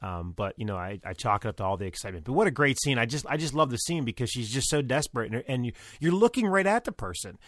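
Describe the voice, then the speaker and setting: A man's voice: medium pitch, sing-song, fast talker, few pauses, fairly bright tone, no echo, studio quality. A man casually talking through his thoughts on a TV episode, rambling with many restarts. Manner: rambling, lots of fillers and restarts. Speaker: show reviewer and host. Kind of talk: casual commentary on a TV show.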